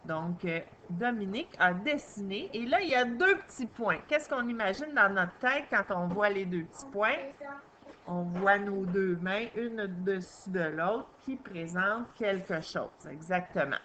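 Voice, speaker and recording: A woman with a Québécois accent teaches young children to read, sounding out each syllable slowly and patiently. Her voice is bright and clear. A faint hiss of noise sits under the recording. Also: mid-range voice, lively intonation. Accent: Québécois French. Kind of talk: early reading lesson for young children.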